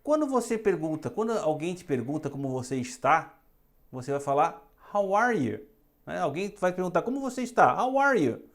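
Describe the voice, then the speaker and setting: A woman with a Brazilian accent teaching English phrases in a lesson, saying each one slowly so students can repeat it. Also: fairly low pitch, sing-song.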